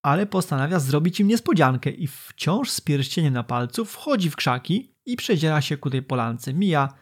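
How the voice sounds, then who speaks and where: Husky man hosting a book podcast. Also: a little high. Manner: explanatory, guiding listeners. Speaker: podcast host.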